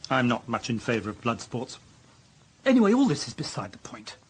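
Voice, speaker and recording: A male actor with a British accent and a mid-range voice plays an exasperated, authoritative deputy police chief in a radio drama, delivering stern, sarcastic reprimands. His pitch swings hugely, his pace is a little fast, and his tone is slightly rough. The mood is firm yet placating.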